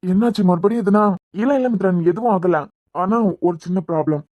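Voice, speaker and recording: A woman with a Kanyakumari Tamil accent voicing an exasperated young man who answers with quick, sarcastic explanations in a cartoon web series. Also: lowish voice, warm tone, no echo, close to an everyday voice. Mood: explaining. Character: exasperated young man, patient but fed up.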